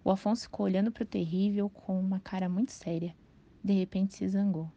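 Mellow woman reading a children's book. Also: medium pitch, steady tone, fairly quick. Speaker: audiobook reader. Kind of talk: reading a children's novel aloud. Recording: dull, dry lo-fi recording.

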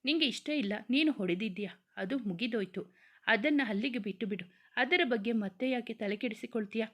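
A woman's voice: a little high, normal speed, fairly bright tone. A woman voicing a wealthy, indulgent mother who coaxes her moody son with concern. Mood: coaxing. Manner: coaxing, concerned. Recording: dull lo-fi recording.

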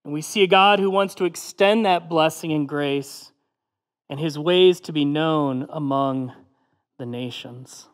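A man preaching a sermon as pastor, measured and earnest, slowing on key phrases and letting line ends fall away softly. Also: on the high side, in a large hall. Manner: closes with a prayer.

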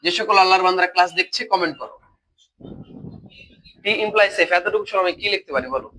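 This Bangladeshi Bengali-accented man has a cold and is tutoring logic in a live online session. He talks fast and animatedly in a high, bright, forceful voice, captured on a rough recording, and he stays patient and repetitive, quizzing students as he works.

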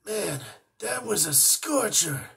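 A man doing a cocky fiery alien hero from a cartoon, a little raised and brash in his quips. The tone is bright with a gravelly edge. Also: high voice, big pitch swings, slow pace, pitched above the performer's own voice, exaggerated voice.

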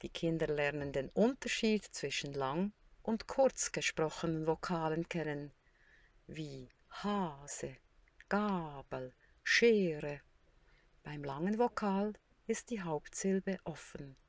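Woman, instructional voice-over, slow, precisely sounded syllables, dry close sound. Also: deep voice, lively intonation, darkish tone, no room sound. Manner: deliberate, clearly spelled-out syllables and sounds. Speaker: narrator of a teaching tutorial. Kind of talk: scripted instructional narration.

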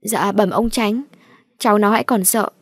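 Woman reading as a scared humble village mom, soft and pleading, ghost story read. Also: mid-range voice, steady tone, moderate pace, breathy edge, dry recording, studio quality, natural voice. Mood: pleading, anxious. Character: worried peasant mother pleading for her son.

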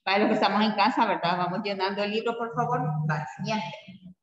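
A man's voice: high voice, steady tone, brisk, fairly bright tone. A man teaching a spelling lesson to a class, patient and checking in with frequent tag questions. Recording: echoey classroom, far from the mic, dull.

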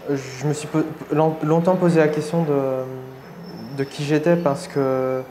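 A young man from Réunion gives a personal testimony in an interview, talking shyly and hesitantly with many pauses and restarts. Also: a little high, level tone, mellow, a little hiss or hum. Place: seated indoors against a plain wall.

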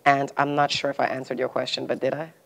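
A woman's voice: very deep voice, level tone, fast talker, vocal fry. A young adult woman from Congo, a salon founder, chatting in an interview on a studio couch, with lots of ums and laughs. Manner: chatty, many "um"s and "you know"s, laughs easily. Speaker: salon founder, hair stylist. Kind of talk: casual interview answers. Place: studio set with red walls and leather sofa.

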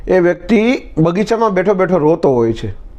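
A man's voice: sits high, very animated, moderate pace, a little mellow. A man hosting his own channel, telling a motivational story in a casual, conversational way and often repeating "he said" as he retells the dialogue.

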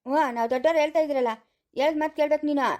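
A woman in an amateur village family drama, scolding briskly in rural Chikkaballapura Kannada. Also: high-pitched, fairly even intonation, warm tone. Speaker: family channel performer.

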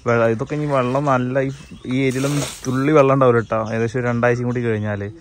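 A quick, chatty man in his thirties with a Kerala accent talks outdoors into a handheld phone camera. He explains everything to his viewers in a casual, running commentary. Faint noise sits behind his voice. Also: mid-range voice, fairly even intonation. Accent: Malayalam, Kerala. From Kerala, India. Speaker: fishing vlogger. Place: outdoors in paddy fields and a yard. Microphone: phone camera held by the speaker.

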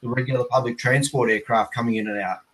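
An Australian man in his fifties, an air traffic controller, is being interviewed over a video call from a plain indoor room. He talks fast and conversationally, explaining things in a steady, medium-pitched voice with a slightly bright tone. The audio quality is poor.

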